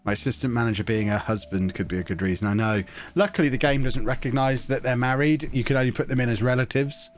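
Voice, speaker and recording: Talking at a quick pace with hardly any pauses, a man with a mid-range voice streams a football management game over faint music. He's chatty and jokey, reads chat messages aloud, hums to himself and sounds slightly stuffy-nosed.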